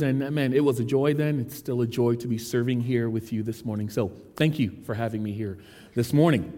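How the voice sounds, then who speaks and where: A man in his thirties with a bright, high-set voice delivers a relaxed, conversational sermon. He slips in self-deprecating jokes as he goes. A long hall reverb trails every phrase. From United States. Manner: casual, self-deprecating and joking. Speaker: teaching pastor. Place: large church sanctuary.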